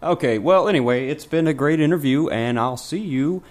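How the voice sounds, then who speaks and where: A man hosting a comic mock interview, deadpan and sarcastic with casual slang. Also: on the high side, normal speed. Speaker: interviewer and host.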